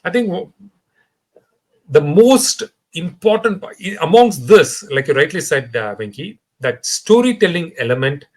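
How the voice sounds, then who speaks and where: Appearing as a podcast guest in a conversational interview, a man with an Indian English accent speaks in an animated way, full of fillers and restarts. His voice is fairly high and his pace measured, though the recording is rough.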